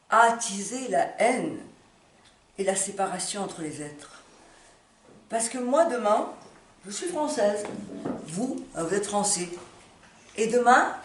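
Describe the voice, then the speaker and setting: In this distant, reverberant recording with background noise, a woman whose voice is a little high delivers a spontaneous, passionate personal appeal to camera. She speaks haltingly and forcefully, circling back to the same words and phrases.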